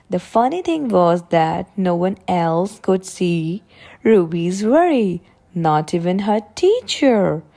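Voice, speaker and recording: Reading stories to young children, this woman speaks at a medium pitch and stretches her words in a slow, expressive way as she works through picture books.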